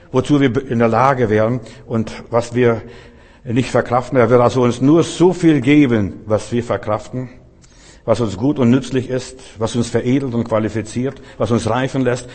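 A man's voice: medium pitch, normal speed, a little mellow. A middle-aged man preaching a sermon, speaking directly to his listeners with repeated emphatic phrases. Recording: long hall reverb.

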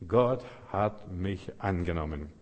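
A male preacher giving a fervent sermon, dropping to soft murmurs and rising to loud outbursts. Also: deep voice, expressive, slow pace. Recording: long hall reverb.

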